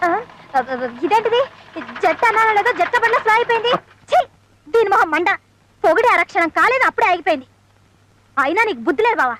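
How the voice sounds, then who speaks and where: A chattering, teasing sidekick. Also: female voice, very high voice, background noise. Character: cheeky, chattering young woman, lawyer's sidekick. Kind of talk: film comedy dialogue.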